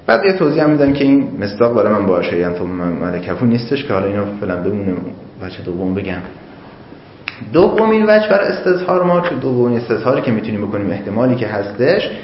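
A man lectures a class, and his voice rises and falls a lot as he reasons aloud through examples. The room is echoey and the recording is dull and lo-fi, with a faint hiss behind him. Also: mid-range voice. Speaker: seminary teacher.

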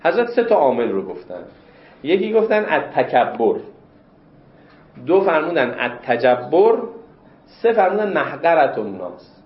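A man's voice: on the high side, big pitch swings, long pauses. A man teaching religious law in a classroom lecture. He explains texts and pushes his voice up sharply to stress his questions. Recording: roomy, dull lo-fi lecture recording.

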